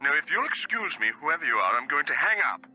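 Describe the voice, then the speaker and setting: A haughty, impatient grump from a mystery video game, snapping in a very bright voice with wide pitch swings. He is curt and dismissive. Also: very animated, quick pace, heavily acted, poor audio. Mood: grumpy. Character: grumpy man cheese seller, rude and impatient.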